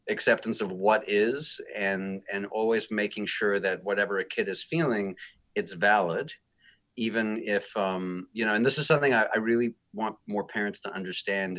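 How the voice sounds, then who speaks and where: A man's voice: fairly low pitch, a bit bright. A man speaking as a guest music therapist, talking in a thoughtful, reflective, self-deprecating way in a casual interview.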